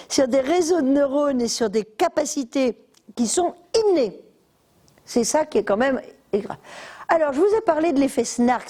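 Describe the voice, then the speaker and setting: An older woman lectures a room full of listeners. Her voice sits fairly high yet stays mellow and soft-edged. She talks in a lively, chatty way, full of asides and hesitations. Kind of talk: live lecture to an audience. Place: lecture hall.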